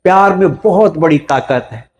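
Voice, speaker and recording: High-voiced Indian man giving a spiritual talk. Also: expressive, normal speed, a little mellow. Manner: asks the audience questions and answers them himself. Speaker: spiritual speaker. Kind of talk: motivational spiritual talk to a live audience.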